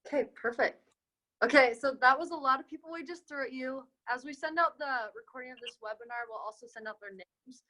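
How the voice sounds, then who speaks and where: A woman's voice: high voice, sharp tone, poor audio. A young woman moderating a casual student webinar over a video call, upbeat and chatty. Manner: upbeat, chatty, quick transitions.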